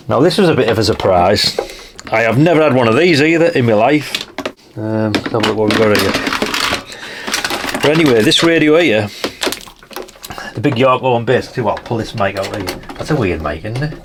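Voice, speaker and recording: With a noisy background behind him, a middle-aged man presents items on his retro radio collecting channel in a relaxed, unscripted show-and-tell. His voice is fairly low and gravelly. He peppers his chat with tag questions and the odd mild swear word.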